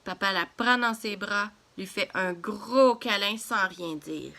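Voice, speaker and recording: A woman reading a children's story aloud in a gentle, expressive way. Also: medium pitch, takes it slowly.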